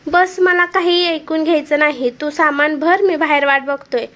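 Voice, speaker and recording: A woman's voice: high-pitched, fairly even intonation, normal speed, fairly bright tone. A woman voicing a young farmer husband in a spoken storybook, patient but stern and reproachful. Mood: firm.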